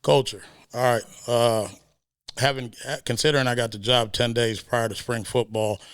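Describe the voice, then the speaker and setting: A man from South Sudan, a high school football head coach, giving a media day interview in a measured, earnest way with many filler pauses. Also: steady tone, a bit bright, clean tone, no echo, clean studio sound.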